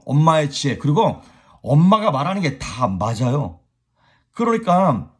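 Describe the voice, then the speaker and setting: Male pastor, casual devotional talk, raspy and animated, with a very lively melody. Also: fairly high pitch. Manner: animated, chuckles, speaks straight to viewers.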